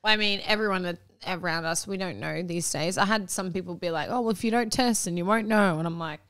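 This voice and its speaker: A woman's voice: fairly low pitch, fairly bright tone, clear, resonant tone, no echo. A woman, co-hosting a casual podcast chat, talking freely and swearing often. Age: 20s. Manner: chatty, swearing, quick laughs. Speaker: podcast co-host.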